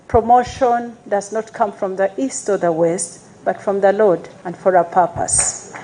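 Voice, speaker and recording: Measured woman chaplain addressing a congregation. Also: on the high side, a little mellow, low-quality recording. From Uganda. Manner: formal, measured and prayerful, with call-and-response. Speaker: Anglican parliamentary chaplain.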